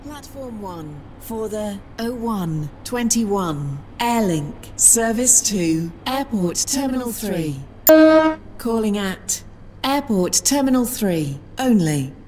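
A woman voicing an automated station platform announcement, calm, formal and measured. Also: mid-range voice, echoey room, slight background noise. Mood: announcing.

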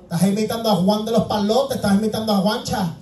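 A man's voice: high voice, fairly even intonation, fast talker, dark tone. A male pastor preaching a fervent sermon, repeatedly calling out "glory to the Lord" and "beloved brother" and asking the congregation rhetorical questions. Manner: repeats "gloria al Señor" and "amado hermano" as fillers. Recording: echoey room, distant mic, faint music.

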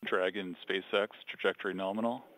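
A man as launch controller, giving clipped, even procedural callouts over a tinny space radio loop. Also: sits low, brisk, no echo. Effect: tinny space radio comm loop. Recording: narrow-band radio line.

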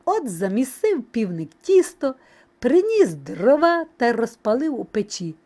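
A woman narrating an audio fairy tale for children. Her delivery is expressive storytelling, high in pitch, with a wide, lively melody. She takes her time over every phrase. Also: measured pace.

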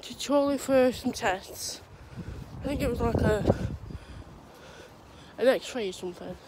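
At a measured pace and a slightly high pitch, a young vlogger talks through a thick, clogged throat, sick with a cold, a sore throat and a runny nose. She walks her dogs on a street, rambling hesitantly with many restarts and fillers. Her phone, held low at arm's length, picks up traffic noise.

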